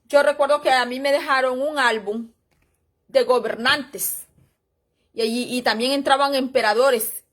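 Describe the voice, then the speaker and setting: Woman, middle-aged, Bible teacher, high voice, chatty, rambling, informal lesson. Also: steady tone, measured pace, fairly bright tone. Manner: chatty and rambling, often calls the listeners brothers and sisters. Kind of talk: informal church history lesson, reading aloud and commenting.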